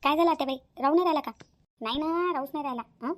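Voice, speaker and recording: A woman's voice: high voice, very fast, natural voice. A woman voicing an overworked, complaining young daughter-in-law in a cartoon.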